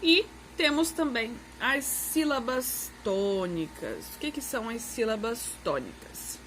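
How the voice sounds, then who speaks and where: Brief: woman teaching a children's grammar lesson, unhurried, a little high-pitched, faint room noise. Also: sing-song, a bit bright, rough recording. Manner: patient, explains slowly, asks "tá?" after each point.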